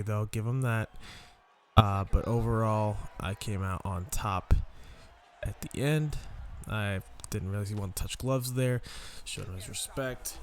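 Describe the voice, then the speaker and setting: Sleepy young guy talking over his gameplay, kinda low voice, rambly and casual, drops the odd swear. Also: a little hiss or hum. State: sleepy, yawning. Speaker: gaming channel host. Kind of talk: casual game commentary.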